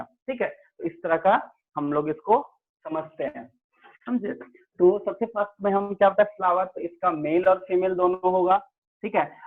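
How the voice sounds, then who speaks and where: Guy teaching biology online, mix, kinda high voice, sounds like a phone line, keeps asking the class questions. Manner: explains in Hindi-English mix, quizzes students, repeats "ठीक है".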